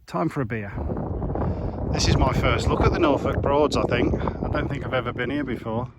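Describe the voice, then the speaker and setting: A man's voice: medium pitch, normal speed. A man hosting a casual travel vlog, chatting and joking to the camera while outdoors at a campsite and on walks. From England. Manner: chatty, jokey, narrating to camera. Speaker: vlog host. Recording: outdoor recording with clear background noise.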